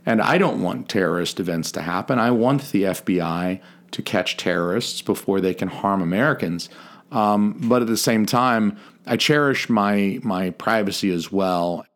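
A man co-hosting a podcast, speaking in a measured, mock-formal way that breaks into casual swearing. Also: lowish voice. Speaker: podcast co-host.

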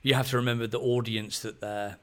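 A man hosting a podcast, chatting about music in a relaxed, thoughtful way with plenty of ums. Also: mid-range voice, fairly quick. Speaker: podcast host. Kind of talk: casual music chat.

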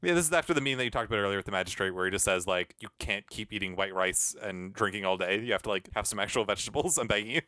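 A man's voice: fairly low pitch, expressive, very fast, few pauses, bright, forceful tone, dry recording, studio quality. A man co-hosting a casual film discussion, chatty and laughing often. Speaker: podcast co-host.

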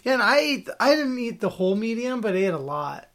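A man's voice: extremely high pitch, brisk. Man in his thirties, stuffy head-cold voice, podcast host, rambling casual chat, lots of ums. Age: 30s. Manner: relaxed, rambling, many fillers. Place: spare bedroom at home.

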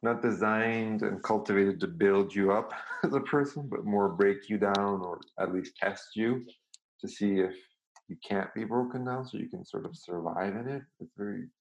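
A man, his voice gravelly and a little low. He talks in a thoughtful, searching way, often restarting his sentences as he reflects on his life in music. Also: normal speed, highs cut off. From Serbia. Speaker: guest musician. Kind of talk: reflective casual conversation.

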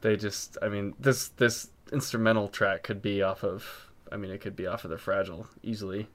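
A man's voice: lowish voice, fairly even intonation, fairly quick, fairly bright tone. A man co-hosting a podcast, chatting casually about music and rambling with frequent ums and restarts. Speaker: podcast co-host.

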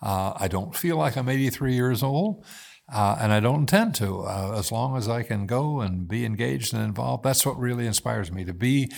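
A man in his eighties, a former mayor, talking in a measured, thoughtful way with frequent pauses as an interview guest. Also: mid-range voice, vocal fry. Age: 80s. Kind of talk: casual interview talk.

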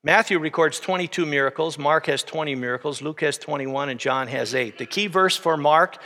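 Bright-voiced preacher man in a hall. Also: on the high side, moderate pace. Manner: teaching, rises to emphatic preaching. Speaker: pastor. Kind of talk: sermon.

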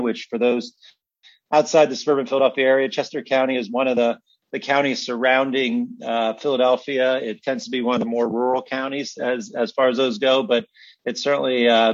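A man's voice: medium pitch, no echo, lo-fi sound. A man co-hosting a podcast in a casual, conversational style. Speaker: podcast co-host.

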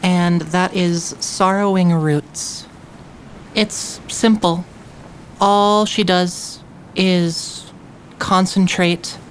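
A woman's voice: low voice, a little hiss or hum. A woman playing a tabletop role-playing game, narrating what her character does.

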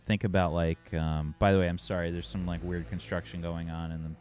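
A man's voice: sits low, level tone, brisk, darkish tone, soft background music. A man running a tabletop game as game master, talking in a casual, joking, conversational way.

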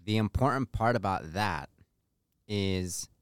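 A man co-hosting a podcast in relaxed, conversational chat. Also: on the low side, slow, clean tone, no echo. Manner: relaxed, conversational, uses "like" often. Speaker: podcast co-host. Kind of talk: casual chat.

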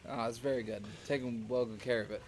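A man's voice: mid-range voice, steady tone, fast, darkish tone, slight background noise. A man guesting on a casual outdoor podcast, easygoing and self-mocking. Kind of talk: casual chat.

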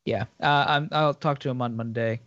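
A man co-hosting a podcast, talking in a relaxed, easygoing way. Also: mid-range voice, normal speed, no room sound. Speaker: podcast co-host. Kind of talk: casual chat. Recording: dull, dry mic.

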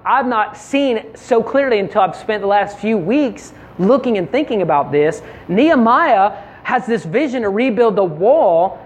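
A preacher giving a conversational sermon, retelling scripture by acting out the quoted voices, repeating words for emphasis and often adding a quick tag question. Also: medium pitch, muffled recording, a little hiss or hum.

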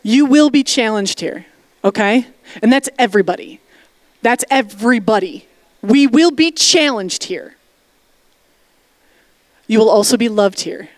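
A woman pastor's fairly high, animated voice comes at a measured pace with frequent pauses, recorded with no room sound. Her sermon in the church sanctuary is emphatic and direct, full of calls for congregational response and casual side comments.

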